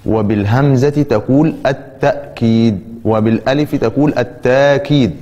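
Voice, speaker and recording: A man teaching a grammar lesson, explaining deliberately and stressing and repeating key terms. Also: mid-range voice, warm tone, long reverb tail, muffled recording.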